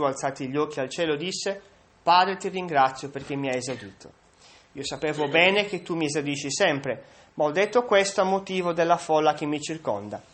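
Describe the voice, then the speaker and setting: A man with a slightly high voice reads a long passage of scripture during a sermon. He stumbles and restarts now and then. After the reading he moves on to explaining it to his listeners. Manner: occasional slips and restarts while reading. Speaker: preacher.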